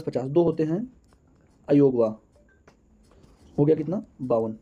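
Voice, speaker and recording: A man teaches an exam-prep lesson in a very dark, husky voice. He asks questions and counts out the answers aloud, calling his viewers friends. The recording sounds dull and lo-fi. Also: fairly high pitch.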